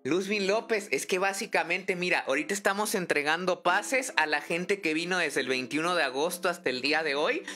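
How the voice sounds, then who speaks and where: A man streaming a game live, chatty and excitable, thinking aloud and greeting viewers in the chat by name. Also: sits high, a little fast, few pauses, faint music behind. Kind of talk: casual live-stream chat while gaming.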